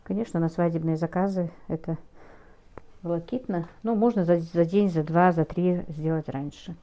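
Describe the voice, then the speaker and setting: A middle-aged woman chatting casually in a home cooking vlog, speaking haltingly and often correcting herself as she goes. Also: on the low side, dark tone. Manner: halting, with hesitant self-corrections. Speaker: home cook taking food orders, vlogger.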